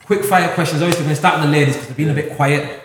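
A man's voice: on the high side, very fast. A man with a London accent hosting a casual, slangy interview, jokey and repeating words as he eggs guests on. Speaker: interviewer, host. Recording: echoey room with loud crowd.

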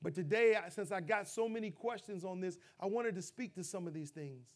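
High-voiced, impassioned preaching man. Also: a little fast. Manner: preaching, swings from loud emphatic peaks to low, quiet asides. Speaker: pastor. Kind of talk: sermon.

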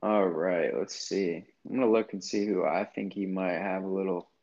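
A man's voice: low voice, steady tone, moderate pace, vocal fry, darkish tone, highs cut off. A man co-hosting a sports podcast, easygoing and steering the talk. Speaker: podcast co-host. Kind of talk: casual sports chat.

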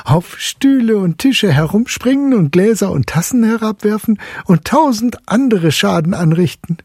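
A man's voice: high-pitched, expressive, moderate pace, darkish tone, slightly rough, no echo, clean studio sound, pitched above the performer's own voice, heavily acted. A man voicing a fretful, well-to-do middle-aged mother who exclaims indignantly.

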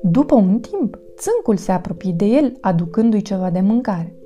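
A woman reading a children's storybook aloud as narrator, in an expressive, lively storytelling manner. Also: mid-range voice, soft background music.

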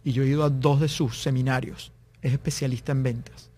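A man's voice: mid-range voice, steady tone, fairly quick, darkish tone, breathy edge. A man speaking as a guest in an interview, giving business advice in an earnest tone and acting out little dialogues to make his points. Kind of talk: conversational interview.

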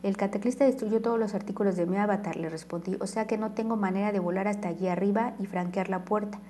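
A woman's voice: medium pitch, fairly even intonation, quick pace, mellow, slight background noise. A woman narrating a first-person novel aloud, reading dialogue with light shifts and sometimes stumbling and restarting. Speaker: audiobook narrator.

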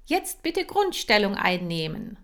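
A woman voicing an eager, bossy young girl who calls out karate drills with loud, drawn-out commands in a children's audiobook. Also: medium pitch, very animated. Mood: commanding.

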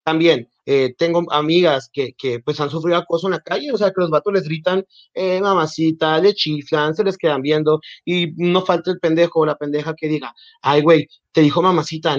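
A man with a mexican accent telling stories on a podcast, slightly high voice, acts out what people said to him, dull dry recording. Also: fairly quick, hardly any pauses, dry recording. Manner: animated storytelling, acts out quoted dialogue. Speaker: podcast guest. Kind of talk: casual podcast conversation.

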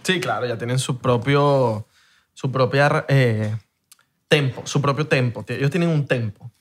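Dude, playful banter, easy laughs, average voice. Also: male voice, medium pitch, unhurried. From Venezuela. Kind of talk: casual chat.

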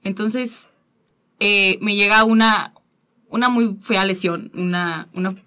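A woman's voice: mid-range voice, steady tone, bright, forceful tone, clear, resonant tone. Earnest woman sharing a faith story. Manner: earnest, halting, repeats words. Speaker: guest. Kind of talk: personal faith testimony.

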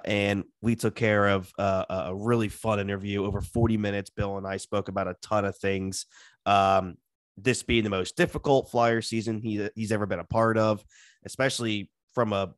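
A man's voice: on the low side, no echo, clean studio sound. Nasal, congested man hosting a podcast. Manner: loose and rambling, many fillers and restarts. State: congested from a cold. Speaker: podcast host. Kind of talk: casual podcast intro. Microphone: close podcast mic.

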